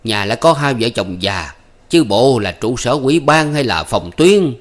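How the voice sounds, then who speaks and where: A man voicing an older village notable who talks in a slow, coaxing, soothing way. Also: medium pitch, very animated.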